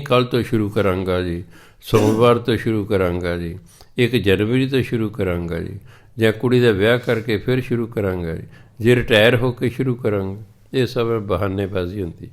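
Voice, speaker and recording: Male preacher, sermon delivery, measured pace with drawn-out chanted lines. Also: on the low side. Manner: slow chanted verse quotations between explanations. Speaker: Sikh preacher giving scripture commentary. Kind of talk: katha sermon on scripture.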